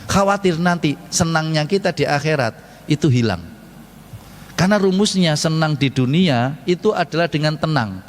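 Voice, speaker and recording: A man's voice: a little high, expressive, moderate pace. A man preaching at a mosque study session, playful and joking, asking the congregation questions and answering them himself. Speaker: ustadz giving a mosque study talk. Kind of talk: lively sermon with jokes to the congregation. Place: large mosque hall. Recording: long hall reverb.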